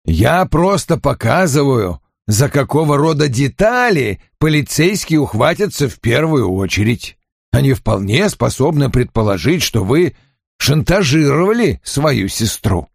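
An imperious detective, dry and commanding, unhurried and slightly gravelly, as a male narrator reads him. Close and dry, with a lively rise and fall. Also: mid-range voice, no room sound, pitched above the performer's own voice, full character voice.

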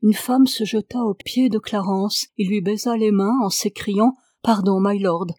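A woman's voice: medium pitch, fairly even intonation, measured pace, dark tone, no echo. Woman narrating a novel, dry sound. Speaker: audiobook narrator.

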